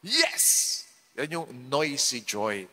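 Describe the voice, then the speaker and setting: A Filipino man with a Filipino accent, a parish priest giving a playful, animated homily in a large church. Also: fairly high pitch, slow. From Philippines. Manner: animated, playful, acts out quotes. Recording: long reverb of a church hall.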